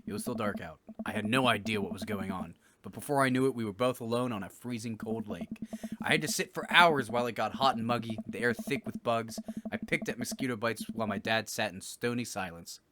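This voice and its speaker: Deadpan man reading game text. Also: on the low side, fairly quick, background noise. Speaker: let's play co-host reading game text aloud. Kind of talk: dry read-aloud narration of a visual novel.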